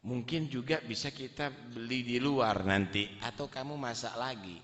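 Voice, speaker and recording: A man playing a kind-hearted rich husband in a sermon story, speaking gently and coaxingly. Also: mid-range voice, moderate pace, in a large hall, lightly acted. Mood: gentle.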